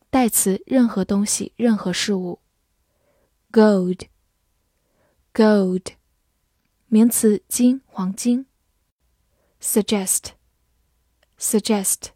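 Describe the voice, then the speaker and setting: A woman with a Mandarin Chinese accent reading English vocabulary for review. She repeats each word slowly, then gives its Chinese meanings. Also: medium pitch, mellow, no echo, clean studio sound.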